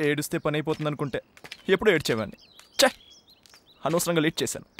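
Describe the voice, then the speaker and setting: An actor playing a greedy, scheming young grandson who talks curtly and with scorn, in a film scene. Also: male voice, on the high side, lively intonation, fast talker, a bit bright, a little hiss or hum. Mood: cold. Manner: curt, scornful, dismissive. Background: film score music.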